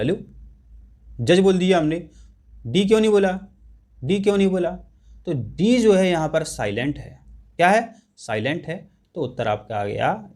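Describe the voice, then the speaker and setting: A man's voice: fairly high pitch, a little mellow. A man teaching an exam-prep lesson, explaining English grammar to students and repeating and stressing key points.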